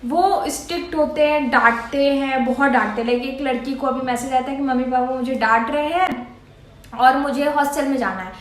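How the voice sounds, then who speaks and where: A woman's voice: high-pitched, a little fast. A young woman from India talking casually to camera, giving earnest, coaxing advice like an older sister. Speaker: student vlogger. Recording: echoey room.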